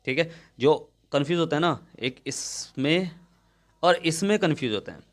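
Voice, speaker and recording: A man's voice: on the high side, lively intonation, normal speed. A young man teaching a Hindi grammar exam-prep lesson, talking students through each question step by step and often checking that they follow.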